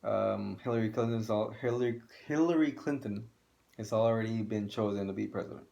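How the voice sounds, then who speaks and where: A man co-hosting a video channel goes on a casual, blunt opinion rant, swearing and repeating himself for emphasis. His voice is fairly low and mellow with vocal fry, and he talks fairly quickly.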